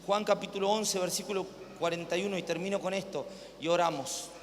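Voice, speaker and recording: In a church hall before his congregation, a male Argentine pastor preaches a live sermon in Argentine Spanish at a fairly quick pace. His high-pitched voice keeps fairly even intonation as he emphatically repeats phrases and calls for amens. There's hall reverb and some faint room noise.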